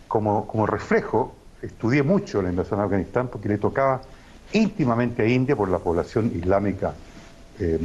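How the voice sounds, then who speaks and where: A man's voice: fairly low pitch, a little mellow, highs cut off, slight background noise. A man as a guest analyst, explaining in an emphatic, professorial way with frequent hesitations. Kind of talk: lecturing analysis on a talk show.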